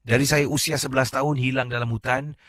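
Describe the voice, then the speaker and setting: A man hosting late-night radio, reading a listener's ghost story in a measured, storytelling way. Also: mid-range voice, fairly even intonation, a bit bright, dry recording, studio quality.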